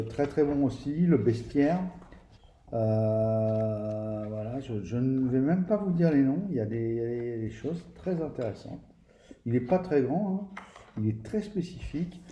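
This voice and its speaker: A man's voice: medium pitch, warm tone. A man giving a casual spoken review of a tabletop game book, speaking to viewers directly in a hesitant way, with many restarts and fillers. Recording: roomy echo, faint background noise.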